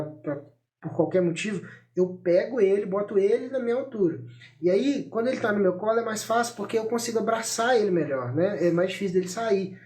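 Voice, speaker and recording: A man in his thirties hosting a parenting podcast, talking calmly and reflectively in a loose conversational way, with frequent fillers and restarts, recorded on a phone. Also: sits high. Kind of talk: reflective solo podcast talk. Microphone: phone held up while talking.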